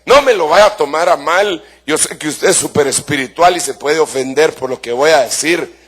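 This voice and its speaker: Man, pastor, high voice, fervent sermon, soft asides, bursts of shouting. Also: moderate pace, husky. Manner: fervent preaching, often addresses listeners as brother with rhetorical questions; swings between soft asides and raised, shouted emphasis.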